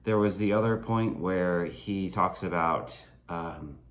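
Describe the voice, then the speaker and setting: Deep-voiced man in relaxed chat. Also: slow pace. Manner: relaxed, agreeable, many fillers. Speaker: podcast co-host. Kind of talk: casual chat recapping a reality show.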